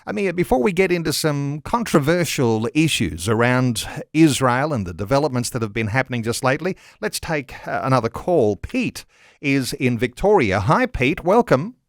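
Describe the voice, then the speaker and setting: A man with an Australian accent hosting a radio talkback interview in deliberate, polished broadcast phrasing. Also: mid-range voice, sing-song, no room sound, clean studio sound.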